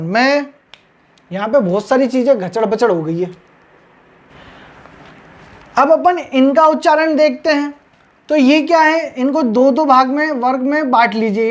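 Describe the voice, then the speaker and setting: A woman teaching grammar at a board, explaining step by step and checking in with her students after each point. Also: high-pitched. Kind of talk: blackboard lesson.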